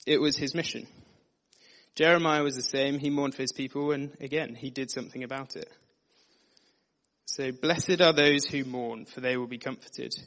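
A man preaching in an earnest, measured way, moving between scripture readings and plain explanation. His voice sits at an ordinary middle pitch for a man, and the delivery stays steady and sincere throughout. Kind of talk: sermon. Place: dim room.

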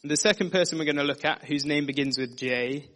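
A man giving a sermon, reading scripture passages and explaining them in an earnest, steady teaching manner. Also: on the high side, fairly quick. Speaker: preacher. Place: dim room.

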